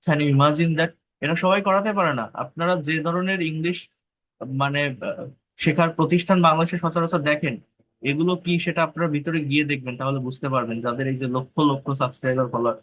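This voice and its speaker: A Bangladeshi man teaches an online pronunciation lesson, drilling individual sounds and often stopping to check that his students follow. His voice is bright and sits a little high. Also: fairly even intonation, a little hiss or hum. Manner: repeats sounds slowly for drilling, asks students if they follow. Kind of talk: online class lecture.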